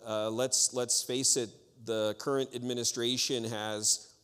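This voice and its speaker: An American man giving a formal campaign forum speech as a candidate, in measured, halting phrases. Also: mid-range voice, a bit bright, smooth. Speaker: political candidate. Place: public forum in a hall. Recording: echoey hall with long reverb.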